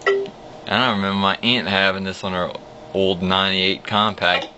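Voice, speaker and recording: A young man with a low, steady voice and a bright, forceful tone speaks at normal speed in an offhand tour of an old computer. He rambles and narrates his clicks from a home desk. The phone camera pointed at the screen records hummy, dull, lo-fi audio.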